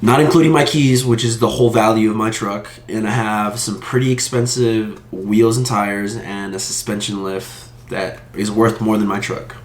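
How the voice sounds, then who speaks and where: A man's voice: fairly low pitch, fairly even intonation, normal speed, few pauses, slight background noise. A man telling a heated, aggrieved story to his vlog audience in a casual way. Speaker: vlogger. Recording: echoey room.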